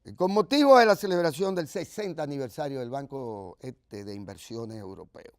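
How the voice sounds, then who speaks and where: A man's voice: mid-range voice, animated, moderate pace, no echo, studio quality. A man with a Dominican Caribbean Spanish accent giving news commentary, partly reading aloud, in a conversational, emphatic, digressive manner. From Dominican Republic.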